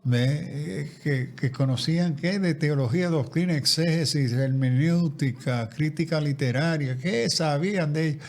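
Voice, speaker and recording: A man appears as a guest theologian in a conversational interview, speaking reflectively and often restarting and repeating words. His voice is a little high, at normal speed with few pauses.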